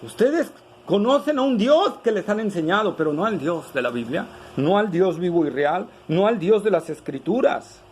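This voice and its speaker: A man's voice: high-pitched, big pitch swings, moderate pace, slight background noise, low-quality recording. A man preaching a sermon as pastor. He asks the congregation rhetorical questions, tagging many lines with "¿verdad?".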